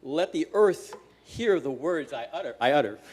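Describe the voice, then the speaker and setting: A man's voice: a little high, lively intonation, moderate pace, darkish tone. A man reciting scripted verse in an amateur play, hesitant and often repeating phrases. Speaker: reader playing Moses in a congregational skit.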